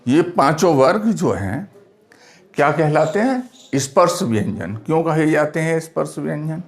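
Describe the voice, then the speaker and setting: A man teaching a classroom lesson, speaking slowly and spelling out sounds one by one, asking questions and answering them himself. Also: fairly high pitch, very animated.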